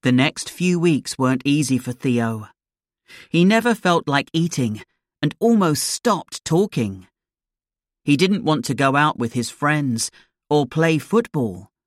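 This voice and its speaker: Slow, deliberate storybook narrator. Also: mid-range voice, animated, no echo, studio quality. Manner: slow, clear, deliberate reading.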